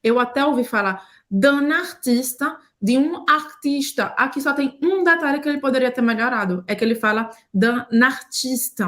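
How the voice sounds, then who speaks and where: A woman's voice: sits high, animated, a bit bright. A woman, teaching French in a casual video lesson and explaining pronunciation patiently. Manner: patient, explanatory, repeats sounds slowly.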